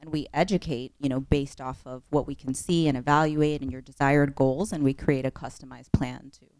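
A woman's voice: very deep voice, steady tone, normal speed, darkish tone, dry recording. A woman physician assistant, a guest on a podcast, who explains treatments in a composed, professional way. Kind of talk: interview answers.

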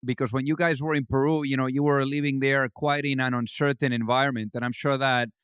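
A man's voice: mid-range voice, little pitch movement, brisk, fairly bright tone, clean tone, no echo, studio quality. A man hosting an interview podcast, reading an ad and welcoming his guest with upbeat enthusiasm. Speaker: podcast host.

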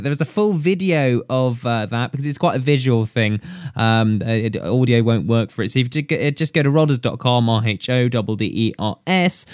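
A man's voice: medium pitch, no room sound, studio quality. A man with a posh-sounding voice hosting a comedy podcast, chatty and self-deprecating, laughing often as he tells stories. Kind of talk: casual storytelling narration.

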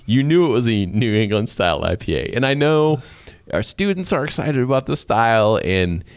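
A man's voice: mid-range voice, sing-song, normal speed, clean tone, no room sound, studio quality. A man hosting a brewing show in casual chat, laughing often and restarting his sentences.

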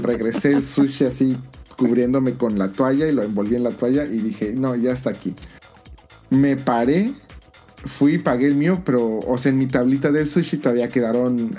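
A man's voice: medium pitch, warm tone, breathy edge. A man with a Mexican accent telling a long personal story in casual podcast chat, in a colloquial, rambling way.

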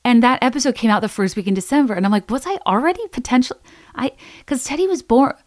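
A woman's voice: on the high side, quick pace, darkish tone, no room sound, clean studio sound. A woman in her thirties hosting a podcast, chatting casually and rambling with self-deprecating restarts. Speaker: podcast host. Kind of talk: casual chat.

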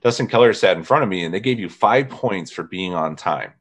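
A podcast host from northern Indiana leads a casual chat, telling funny stories and quoting people with laughs along the way. His voice is low-pitched and expressive, with a breathy edge, and he talks briskly.

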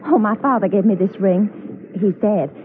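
Actress as a flustered young tourist. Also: female voice, medium pitch, close to an everyday voice. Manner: flustered, halting, earnest. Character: naive young woman tourist, chatty, easily flustered. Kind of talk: 1930s film dialogue. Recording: tinny, hissy old film soundtrack.

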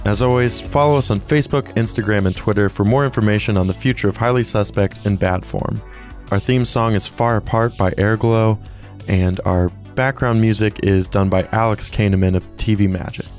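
A man's voice: on the low side, steady tone, normal speed, a little mellow, faint music behind. A man narrating scenes as game master of a tabletop game and hosting the podcast. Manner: descriptive storytelling with some restarts.

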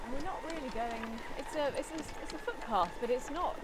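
Higher-voiced woman hosting outdoors. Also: fairly quick, heavy background noise. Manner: chatty, appreciative, asks leading questions. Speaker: podcast host. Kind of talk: casual outdoor interview. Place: open hillside outdoors.

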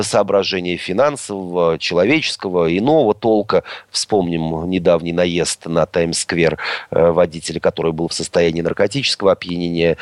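Halting low-voiced male radio correspondent. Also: no room sound. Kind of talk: explanatory talk with hesitations.

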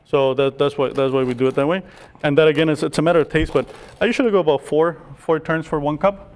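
A man's voice: fairly high pitch, fairly even intonation, darkish tone. A man, a chef, explaining oyster sauces in a cooking demonstration, with frequent restarts and filler words. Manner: quick, halting explanations with many restarts. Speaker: chef guest.

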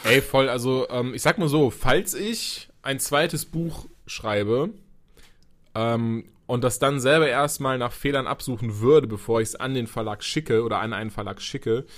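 A young man chatting casually as a podcast host, animated and quick to act out what people said, with casual swearing. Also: medium pitch. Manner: animated, swears casually, acts out quoted exchanges. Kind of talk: casual chat.

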